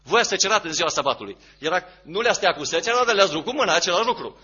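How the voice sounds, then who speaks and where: High, bright-voiced male preacher. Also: animated, husky, lo-fi sound. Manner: emphatic, repeats key phrases and asks rhetorical questions. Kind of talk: sermon.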